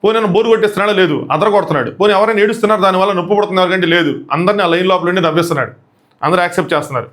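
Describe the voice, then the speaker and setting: A man with a Telugu accent giving a quick, animated review of a reality show episode, acting out the contestants' lines. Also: sits high. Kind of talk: fast episode review commentary.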